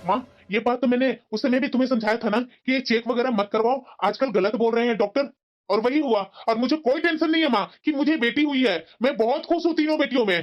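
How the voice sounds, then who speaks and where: A woman's voice: a little high, quick pace, lo-fi sound, faint music behind, close to an everyday voice. A woman doing an earnest young husband. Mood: arguing. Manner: earnest, reasoning. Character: caring young husband and son.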